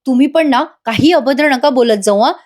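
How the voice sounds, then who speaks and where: A woman's voice: high-pitched, brisk, a little mellow, close to an everyday voice. A woman voicing a young wife who chides her forgetful husband in a bashful, scolding manner. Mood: chiding.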